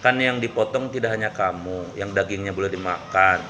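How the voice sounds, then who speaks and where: A male preacher plays a gentle holy man who speaks low and calmly. His tone is soothing and patient. Even under provocation he stays mild. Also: a little fast, noisy background, close to an everyday voice. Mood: consoling.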